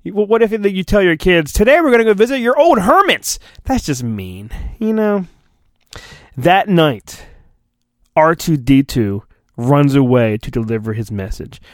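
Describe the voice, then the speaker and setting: In a clean studio with no echo, a man with a slightly high, sing-song voice reads a bit slowly from a storybook on his podcast. It's a theatrical, mock-dramatic performance, broken up by self-deprecating muttered asides.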